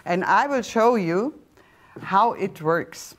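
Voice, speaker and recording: A middle-aged woman with a German accent, a skincare doctor presenting a serum on a TV shopping channel, explaining in slightly halting non-native phrasing. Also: mid-range voice, expressive. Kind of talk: TV shopping product demonstration. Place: TV studio set. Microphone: lapel mic.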